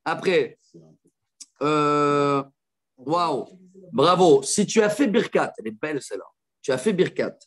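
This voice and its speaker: Teaching a lively halakha lesson, a rabbi speaks with real enthusiasm in a fairly high voice that turns bright when he praises. His intonation is lively, and he moves quickly between rulings and side remarks while checking in with his students.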